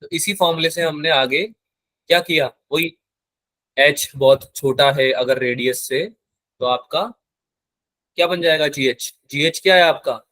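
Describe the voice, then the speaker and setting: Higher-voiced teacher quizzing his class. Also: fairly even intonation, measured pace, pauses often, bright, forceful tone, dry recording. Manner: asks the class frequent check questions; mixes English terms into Hindi. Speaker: physics teacher. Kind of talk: live classroom lecture.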